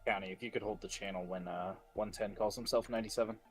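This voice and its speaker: A man playing a police officer, calling in brisk codes over a police radio. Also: on the low side, steady tone, soft background music. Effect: heard over police radio. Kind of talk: roleplay radio traffic.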